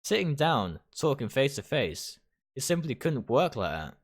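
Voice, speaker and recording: Somewhat slowly, a streamer voices the first-person narration of a visual novel, his mid-range voice rising and falling dramatically. He stumbles here and there and repeats phrases, all over background music.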